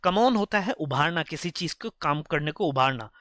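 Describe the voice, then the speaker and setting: Tutor voice: a man explaining phrases, a bit high, close and dry, repeats and self-corrects. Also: expressive, a bit bright, dry recording. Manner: reads English phrases slowly, then explains them briskly; repetitive, correcting himself as he goes. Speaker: English teacher. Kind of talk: explaining English phrases from a story.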